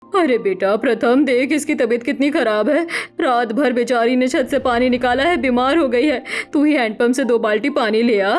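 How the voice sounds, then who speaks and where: A woman voicing an ailing older mother who pleads gently with her son in a cartoon story. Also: a little high, normal speed, faint music behind, close to an everyday voice. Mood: pleading. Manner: soft, pleading, worried.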